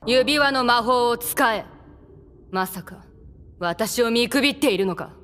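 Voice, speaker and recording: A woman's voice: fairly high pitch, lively intonation, moderate pace, fairly bright tone, slight background noise. A woman playing a proud, forward beast-woman warrior princess in an anime, commanding and haughty, in acted Japanese style. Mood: challenging.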